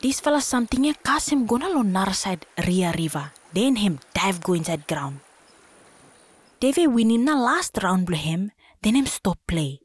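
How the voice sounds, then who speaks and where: A woman's voice: medium pitch, sing-song, normal speed, breathy edge. A woman with a Solomon Islands accent narrating a storybook expressively in Solomon Islands Pidgin.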